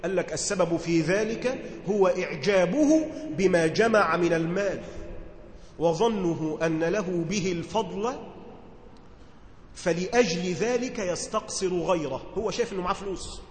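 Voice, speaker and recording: A man with an Egyptian accent teaches a religious lesson in a high, light voice. He moves between formal reading and relaxed dialect and often stops to ask his listeners questions. The recording has the long, roomy reverb of a hall with faint ambience behind. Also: moderate pace, slight background noise. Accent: Egyptian Arabic. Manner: conversational, asks listeners questions to check understanding. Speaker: teacher explaining Quran commentary.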